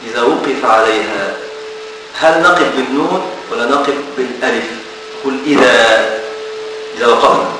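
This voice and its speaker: A man with an Egyptian accent teaching a class, lively and bantering with his students and repeating key words for emphasis. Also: medium pitch, moderate pace, long pauses. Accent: Egyptian Arabic. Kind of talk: classroom lecture. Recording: echoey room from far off, ambient noise.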